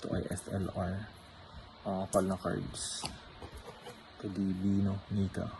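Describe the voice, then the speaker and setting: A man's voice: sits low, monotone, unhurried. A man showing off his trading cards in a casual, chatty way, often checking in with the viewer. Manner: chatty, tags many sentences with "no?". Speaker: trading card vlogger. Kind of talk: casual card showcase. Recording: clear background noise.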